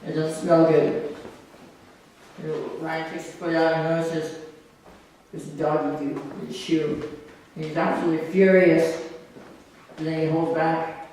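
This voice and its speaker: A man's voice: fairly high pitch, level tone, measured pace, long pauses, a little mellow. A man hosting an open mic, telling a story in a loose, rambling way full of fillers. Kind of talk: live stand-up storytelling. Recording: echoey venue, mic at a distance, faint noise.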